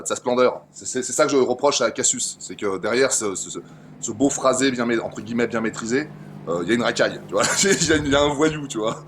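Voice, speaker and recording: A man's voice: mid-range voice, background noise. A man in a casual online debate, talking argumentatively and restating his points with emphasis and repeated words.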